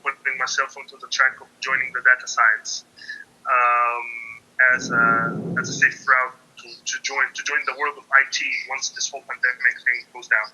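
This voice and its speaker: Young man, hesitant, flat and bright tone, phone-line sound. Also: mid-range voice, moderate pace, a little hiss or hum. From Qatar. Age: young adult. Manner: hesitant, many ums and restarts. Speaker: laid-off engineer seeking career advice. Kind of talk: interview over a call.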